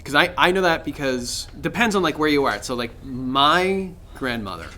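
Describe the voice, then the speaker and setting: A man's voice: fairly high pitch, expressive, normal speed, bright, forceful tone, slight background noise. A man co-hosting a music podcast, chatting casually with a joking, rambling manner and plenty of fillers. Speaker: podcast co-host. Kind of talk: casual chat.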